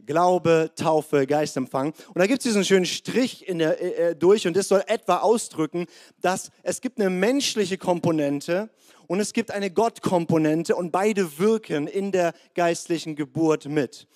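A man preaching a sermon in a lively, conversational way, acting out the biblical figures, his voice a bit strained this morning. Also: high voice, unhurried.

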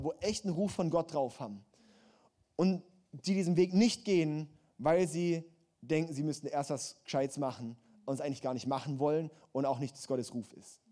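Passionate preacher, mellow voice. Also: male voice, fairly high pitch. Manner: passionate, rising to emphatic calls with repeated phrases. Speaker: pastor. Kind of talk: sermon.

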